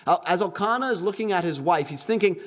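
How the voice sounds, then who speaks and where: Male pastor, lively animated sermon delivery, slightly high voice, long hall reverb. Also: fast. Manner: animated preaching, acts out quoted husband. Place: church service.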